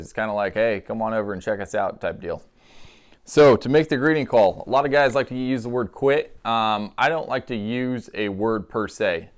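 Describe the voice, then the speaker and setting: A man giving a casual, folksy instructional demonstration in a clear voice, as a calling instructor. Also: fairly low pitch.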